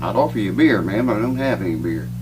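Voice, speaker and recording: A man's voice: lowish voice, lively intonation, fast talker. A middle-aged man chatting casually to his viewers, folksy and rambling and out of breath. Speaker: vlogger. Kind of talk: casual chat to camera. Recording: distant mic with clear hum.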